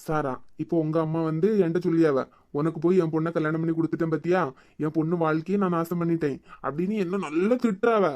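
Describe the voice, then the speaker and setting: A woman voicing a patient, teasing young husband in a cartoon web series, with a Kanyakumari Tamil accent and a fast, coaxing way of talking. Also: low voice, fairly even intonation, a little mellow, lightly acted.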